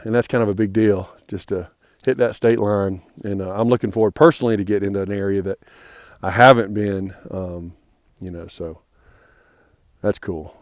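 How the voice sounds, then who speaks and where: A man's voice: on the low side, darkish tone, no echo, studio quality. A man vlogging casually outdoors on a mountain trail, friendly and rambling, with many fillers and restarts. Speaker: hiker vlogging his trail days.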